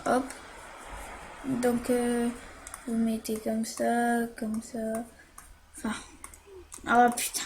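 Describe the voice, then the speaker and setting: A woman with a high voice narrates a casual game tutorial while playing. She speaks slowly and hesitantly, full of fillers and quick "hop" sounds as she clicks. A faint hiss sits under her voice. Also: completely flat delivery, darkish tone.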